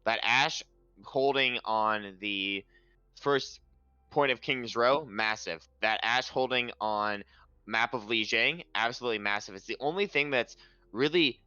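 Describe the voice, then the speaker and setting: Bright, crisp male esports caster. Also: medium pitch, a little slow, dry recording, highs cut off. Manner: fluent, builds energy when calling the picks. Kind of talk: live esports commentary.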